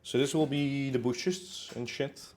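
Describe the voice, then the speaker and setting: A young man streams from a home room in his concrete apartment while building in a game, rambling casually with lots of fillers and restarts. His mid-range, slightly mellow voice is steady and measured, with slight background noise.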